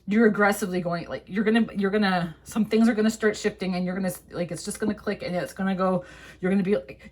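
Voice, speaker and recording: A young woman reads tarot cards in a loose, casual way. She rambles through a lot of fillers and restarts, and her voice sits at an ordinary middle pitch for a woman. She drops in a swear word now and then and laughs easily between the cards. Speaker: tarot reader.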